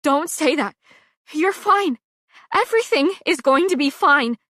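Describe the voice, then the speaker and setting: A woman reading aloud voices a desperate young woman, her voice pitched up high and loud with panic. The lines come out frantic and sobbing, in a dry, close recording. Slow and drawn out where she is not shouting. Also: lively intonation, no room sound, heavily acted. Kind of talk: audiobook character voice.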